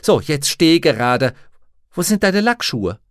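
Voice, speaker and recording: A man's voice: fairly high pitch, very animated, measured pace, dry recording, voice pushed up. A male audiobook reader voicing a strict, nagging middle-aged housekeeper woman in a dry, close recording. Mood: scolding. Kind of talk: audiobook reading.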